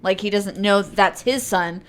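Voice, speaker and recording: A young woman guest recaps a movie among friends, talking in a loose, chatty way with little stops and restarts. Her voice is at an ordinary pitch for a woman. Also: fairly bright tone. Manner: chatty, halting, retelling a plot. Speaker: podcast guest. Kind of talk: casual film chat among friends.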